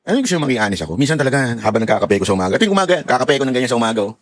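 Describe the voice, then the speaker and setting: A man's voice: mid-range voice, very animated, rapid-fire, dry recording, clean studio sound. A man giving heated, sarcastic political commentary to his viewers in a vlog, swearing and laughing often and mixing English phrases into his talk.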